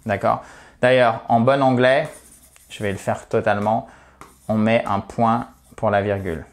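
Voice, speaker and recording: A man's voice: fairly low pitch, fairly even intonation, a little slow. Male teacher, casual online lesson, chatty, reassuring, friendly asides. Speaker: English teacher.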